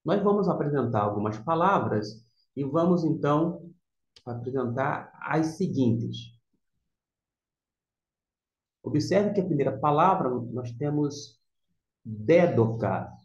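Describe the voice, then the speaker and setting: Slow man teaching a lesson. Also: on the high side, lively intonation. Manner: slow, explaining step by step, repeats words. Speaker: Greek teacher. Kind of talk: slide-based vocabulary lesson. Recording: roomy, dull lo-fi sound.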